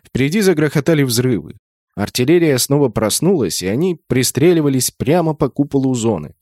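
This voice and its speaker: A man giving brisk first-person narration of an audiobook. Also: medium pitch, sing-song, mellow, dry recording, clean studio sound.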